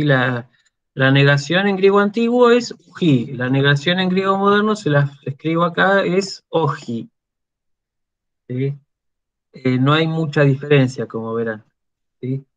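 A middle-aged man speaks with an Argentine accent, lecturing at a deliberate, slow pace and often pausing to check that listeners follow. His voice sits a bit high for a man. The recording is dull and lo-fi, like an online class. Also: a bit bright. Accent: Argentine Spanish. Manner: slow explanatory delivery with frequent "¿sí?" checks. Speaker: university lecturer.

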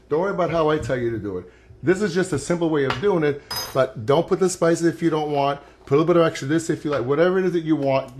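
Somewhat high yet darkish in tone, the voice belongs to an older man hosting a casual cooking show from his home kitchen. He chats as he works and encourages viewers along.

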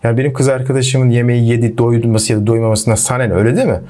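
A young man giving relationship advice in a lively monologue, speaking directly to his viewers as friends. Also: medium pitch, very fast.

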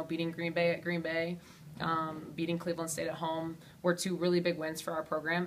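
Woman, low pitch, flat intonation, head coach, postgame interview, faint noise. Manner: steady, many ums and you-knows.

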